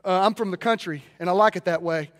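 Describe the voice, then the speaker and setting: A Southern pastor from Mississippi delivers a lively sermon, his voice unusually high for a man. He swings from loud calls to the crowd to quiet, hushed lines. The sound carries the long reverb of a large church hall. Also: quick pace.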